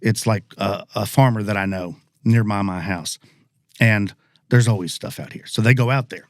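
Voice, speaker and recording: A man telling a hunting story in casual podcast chat, animated and acting out the people he quotes. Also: lowish voice, moderate pace, no echo, clean studio sound. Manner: casual, mild swearing. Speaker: podcast guest.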